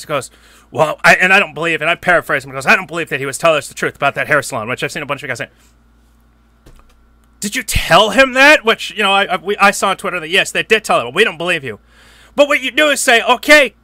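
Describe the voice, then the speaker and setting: A man's voice: sits high, sharp tone, no echo. A man hosting a sports talk show, ranting in a heated, emphatic way. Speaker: podcast host.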